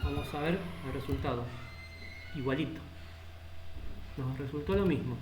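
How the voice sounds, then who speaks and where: Over soft background music, a Rioplatense-accented programming instructor speaks at a normal speed in a medium-pitched voice. He thinks aloud while typing during a live coding lesson. The room echoes, and there's loud background noise.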